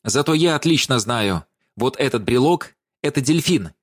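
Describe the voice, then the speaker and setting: A man's voice: mid-range voice, lively intonation, normal speed, no echo, clean studio sound, pitched above the performer's own voice, natural voice. A man reading an audiobook and voicing an indignant young woman who cuts her lover down with scorn. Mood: accusing. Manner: scornful, accusing, cutting.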